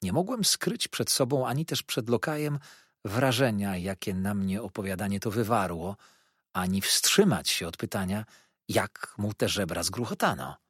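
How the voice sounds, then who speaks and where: Husky male audiobook narrator. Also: on the low side, normal speed, a bit bright, no echo, studio quality. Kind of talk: scripted first-person narration.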